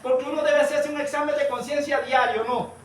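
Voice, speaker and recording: Man, preacher, high voice, storytelling sermon, recorded from a distance in a roomy hall. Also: fairly even intonation, a little fast. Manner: storytelling, addresses listeners as brother, rises to shouts. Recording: echoey room, far from the mic, light noise.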